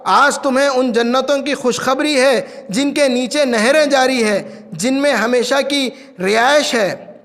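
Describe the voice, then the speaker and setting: Male preacher, very high voice, Indian Urdu accent, fervent sermon, long hall reverb. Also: a bit bright. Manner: impassioned, rising to cries and dropping low.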